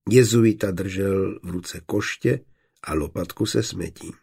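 Gravelly male audiobook narrator. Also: low voice, a little mellow.

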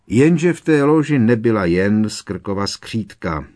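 A man voicing a teenage witch girl who argues her point in a shrill, insistent way. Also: animated, darkish tone, natural voice.

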